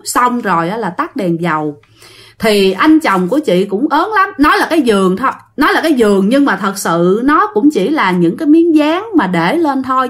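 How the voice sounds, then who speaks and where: A woman with a Southern Vietnamese accent telling a ghost story in a casual, chatty way, often turning to her listeners, with dramatic rises and drops in her voice. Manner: dramatic swings in pitch and loudness.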